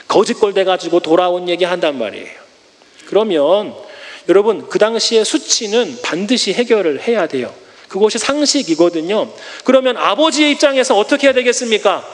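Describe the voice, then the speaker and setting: In a church sanctuary, a male pastor with a high-sitting voice preaches a Sunday sermon, telling the story with energy, rhetorical questions, and acted quotes. His voice trails off in a long reverb.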